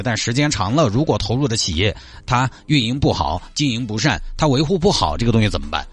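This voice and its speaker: A man with a fairly low voice and very animated intonation speaks as a radio host in a Sichuan accent. He comments on the news in a casual, chatty way, putting rhetorical questions to his listeners. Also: slightly rough.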